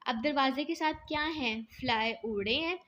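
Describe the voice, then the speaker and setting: A woman's voice: sits high, normal speed, fairly bright tone, low-quality recording. A woman teaching English grammar, patiently going step by step and asking and answering her own questions. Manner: mixes English words into her explanations. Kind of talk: explaining grammar exercises.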